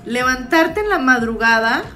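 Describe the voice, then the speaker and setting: A young Mexican woman co-hosting a casual comedy podcast, animated and laughing, heavy with slang and swearing. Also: high-pitched, moderate pace, a little hiss or hum. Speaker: podcast co-host.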